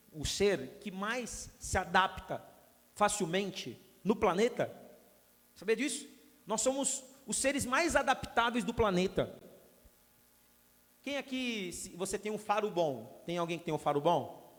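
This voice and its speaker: High-voiced pastor in a reverberant hall. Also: male voice, lively intonation, measured pace, a bit bright. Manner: storytelling, humorous asides to the congregation. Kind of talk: sermon. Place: church hall.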